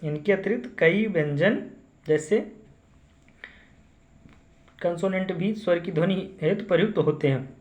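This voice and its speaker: A man's voice: high-pitched, measured pace, long pauses, darkish tone, dull audio. A man teaching English grammar, repeating each definition and asking and answering his own questions. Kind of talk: classroom-style grammar lesson.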